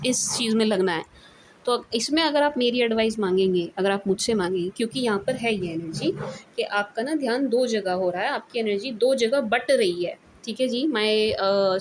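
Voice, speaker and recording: A talkative woman with an Indian accent reads tarot cards in a relaxed, conversational way, slipping English phrases into her speech. Her voice sits a little high. A faint hiss of noise runs under the recording. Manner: chatty, mixes English into Hindi, repeats "theek hai ji". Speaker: tarot reader. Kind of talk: casual tarot reading monologue.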